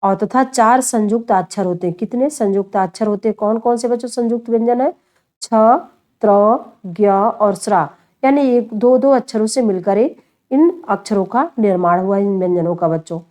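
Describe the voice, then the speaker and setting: A woman's voice: mid-range voice, moderate pace, darkish tone. A woman teaching a grammar lesson, often asking a question and then answering it herself, and often calling her listeners children. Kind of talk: online Hindi grammar lesson.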